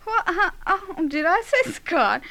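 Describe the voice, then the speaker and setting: Lady doing a sleepy coy wife, high voice, bouncy and slow, radio skit. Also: very animated, sharp tone, heavily acted. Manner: drowsy, coy. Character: dreamy wife sleepily mumbling. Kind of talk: radio comedy sketch.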